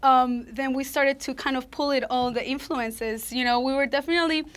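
Chatty high-voiced Colombian-born woman. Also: steady tone, moderate pace. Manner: chatty storyteller, full of "you know" and "like". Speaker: band member, violinist. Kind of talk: casual interview.

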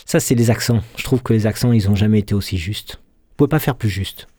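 A man from Marseille, guest on an interview as a sound engineer. His voice is low and mellow, and the recording is close and dry. He talks with passion but stops and restarts often. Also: dry recording. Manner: passionate, halting.

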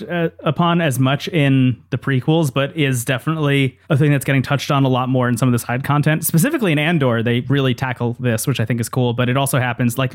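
A man co-hosting a casual podcast chat about games, rambling enthusiastically with many fillers while losing his voice. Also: medium pitch. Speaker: podcast co-host.

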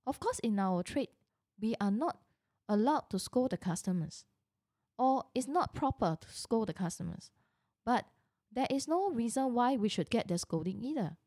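Middle-aged lady agent telling a story, higher-pitched mellow voice, keeps correcting herself, dry close sound. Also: animated, normal speed, dry recording. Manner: earnest, frequent restarts and self-corrections. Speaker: real estate agent. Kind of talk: personal storytelling monologue.

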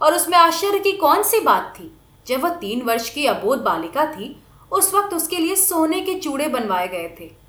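Woman narrating a novel, expressive, high and lively voice, echoey room. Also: moderate pace. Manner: expressive storytelling. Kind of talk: reading a novel aloud.

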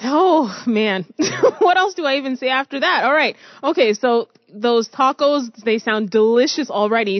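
A woman hosting a radio interview, playful and quick to laugh. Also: a little high, no echo, muffled recording. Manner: giggly, playful, laughs often. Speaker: radio host.

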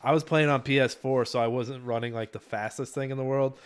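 A man's voice: mid-range voice, steady tone, fairly quick, clear, resonant tone. A man co-hosting a gaming podcast, chatting casually and animatedly, swearing and laughing often. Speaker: podcast co-host. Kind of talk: casual chat.

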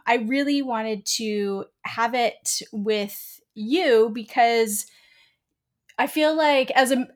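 A woman hosting a podcast interview, upbeat and quick-talking. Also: mid-range voice. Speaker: podcast host.

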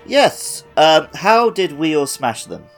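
A male co-host gives laid-back commentary on a video game podcast as music plays underneath. He speaks slowly but very animatedly, in a slightly high, fairly bright voice.

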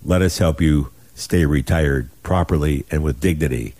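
Low-voiced older man pitching on financial radio. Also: normal speed, a little mellow, no echo. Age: 60s. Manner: urgent, folksy, emphatic, repeats himself. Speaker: financial radio show host. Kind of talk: radio sales pitch talk.

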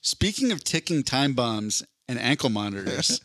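A man co-hosting a podcast in casual chat, animated and laughing as he riffs on stories. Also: mid-range voice, moderate pace, no room sound, clean studio sound. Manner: animated, laughs, acts out quotes. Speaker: podcast co-host.

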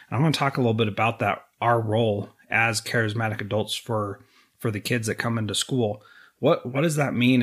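A man's voice: on the low side, fairly bright tone. A man hosting an education podcast, talking earnestly and at times emotionally. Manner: earnest, emotional, speaks in quick bursts. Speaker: podcast host. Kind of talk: conversational interview.

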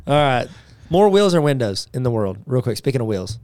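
A man in his thirties co-hosting a podcast in casual chat, joking and teasing his co-host in quick banter. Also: medium pitch, sing-song, darkish tone, smooth, no room sound.

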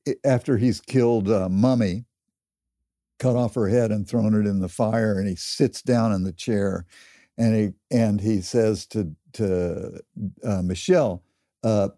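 A man's voice: lowish voice, steady tone, slow, warm tone, dry recording, studio quality. A man on a discussion panel, a filmmaker, who speaks thoughtfully and reflects on his work. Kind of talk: casual chat.

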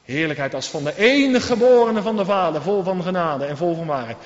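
Male preacher, high and lively delivery, emphatic sermon with rhetorical questions; echoey church hall with long reverb. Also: a little fast, lo-fi sound.

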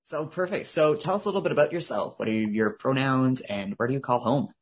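A man's voice: mid-range voice, a little fast, slightly rough. A man with a Canadian accent, co-hosting a podcast and interviewing a guest in a conversational style. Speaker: podcast co-host.

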